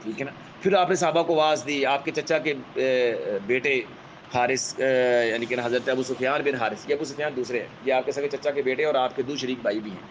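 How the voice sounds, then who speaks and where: A man giving a religious history lecture in with a tinge, speaking in a measured storytelling manner and often checking in with his listeners. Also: mid-range voice, slight background noise, rough recording. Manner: measured, keeps adding a checking "alright?" tag; vivid storyteller, acts out quoted speech. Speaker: Islamic scholar lecturer.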